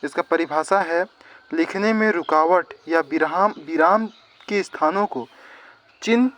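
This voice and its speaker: A man's voice: on the high side, a bit bright. A male teacher gives an exam-prep grammar lesson, explaining step by step and repeating definitions.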